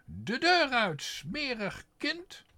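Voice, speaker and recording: A man reading a storybook aloud, voicing a shrill, snobbish lady of the house who scolds in a high, piercing voice. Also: animated, a little slow, darkish tone, dry recording. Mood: outraged. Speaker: employer of the cook.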